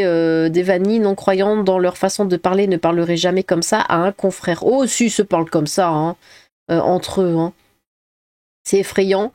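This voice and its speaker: Woman streamer, mid-pitched, blunt and rambling live commentary, dry close mic. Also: darkish tone, dry recording. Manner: blunt, opinionated, rambling asides. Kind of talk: live reaction commentary and reading chat.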